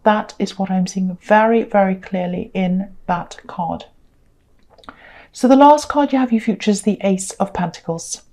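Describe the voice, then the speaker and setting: A woman's voice: mid-range voice, normal speed, mellow. A woman giving a tarot card reading, talking earnestly and reassuringly with frequent fillers and repetitions. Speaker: tarot reader.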